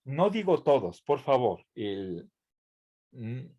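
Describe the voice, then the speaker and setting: This university lecturer speaks slowly in a sing-song, medium-pitched male voice, captured with lo-fi sound. Teaching a tutoring session, he explains with care yet hesitates a lot, filling gaps, restarting sentences and checking in with a frequent "¿sí?"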